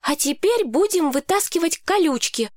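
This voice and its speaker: A woman reading an audiobook, voicing a bossy, excitable girl who scolds and insists. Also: very high-pitched, moderate pace, dry recording, studio quality, voice pushed up. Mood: indignant. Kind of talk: audiobook character voice.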